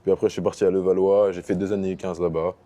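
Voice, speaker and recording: A man's voice: sits low, flat delivery, fast talker, warm tone. A young man from Paris answering interview questions casually, easing into English basketball terms. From Paris, France. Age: young adult. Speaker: basketball player guest.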